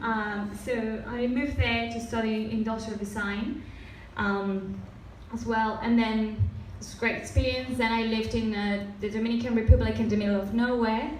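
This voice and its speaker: A young Mexican woman, a native Spanish speaker whose accent has softened after years in Australia, gives a loose, chatty design talk packed with fillers and restarts. Her voice is on the high side with fairly even intonation and a moderate pace, recorded roomy and distant in an event room with faint noise.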